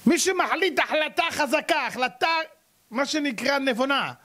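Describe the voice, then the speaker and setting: Animated high-voiced rabbi preaching. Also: male voice. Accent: Israeli Hebrew. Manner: animated, acts out characters and cries out. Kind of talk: sermon with storytelling.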